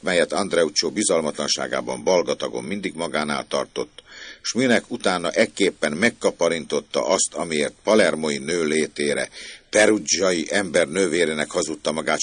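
Deep husky male storyteller. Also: no echo. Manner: measured, storytelling cadence. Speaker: audiobook narrator. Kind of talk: literary audiobook reading.

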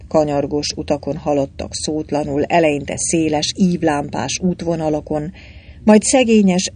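A man reading an audiobook aloud in a wry, expressive storytelling manner. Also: a little high, gravelly, a little hiss or hum. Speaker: audiobook reader. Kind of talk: audiobook narration.

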